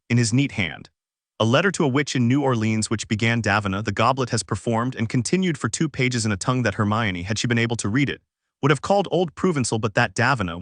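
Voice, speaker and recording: A man narrates a long story in a measured, even manner, letting each clause land before the next. His voice sits at a middling pitch and is recorded close and dry, with no room sound. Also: no echo. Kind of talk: scripted narration.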